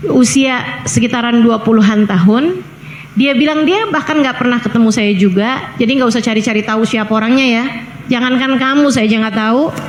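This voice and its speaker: High-voiced woman preaching in an echoey hall. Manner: chatty storytelling with acted quotes and joking asides. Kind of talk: informal religious lecture. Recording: echoey hall, faint background noise.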